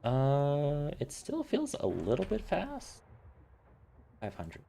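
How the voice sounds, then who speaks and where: A man's voice: fairly high pitch, wildly swooping pitch, slow pace, vocal fry, dark tone, slight background noise. A man streaming while building a game, casually thinking aloud and muttering settings as he tinkers.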